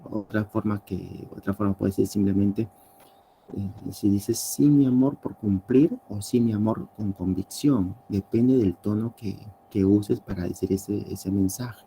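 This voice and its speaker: A lower-pitched man, lecturing his class in a gravelly voice. His tone is very dark and mellow. A faint hiss sits under his words. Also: low-quality recording. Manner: explanatory, often ends points with tag questions. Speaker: teacher.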